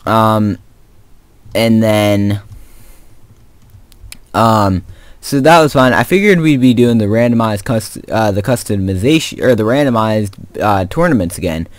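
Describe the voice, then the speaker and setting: A teenage boy with a fairly low voice tells a long, rambling story while he plays a game. He speaks casually, with many fillers and restarts, and mutters quiet asides to the game. The sound is dry and close, with no room around it. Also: animated, measured pace, long pauses, no room sound. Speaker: gamer telling a story. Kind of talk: casual storytime over gameplay commentary.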